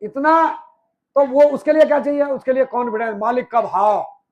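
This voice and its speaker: A man's voice: very high-pitched, normal speed, dull audio. A man giving a political speech to an audience, firing rhetorical questions and answering them himself, piling up repeated phrases. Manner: emphatic, repeats phrases in lists. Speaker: movement speaker.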